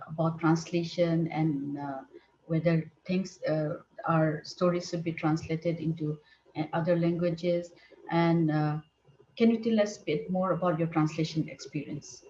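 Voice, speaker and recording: A woman's voice: lowish voice, a little slow, a little mellow. A woman, asking conversational interview questions in a hesitant way, as if feeling for the wording. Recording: muffled, roomy, faint background noise.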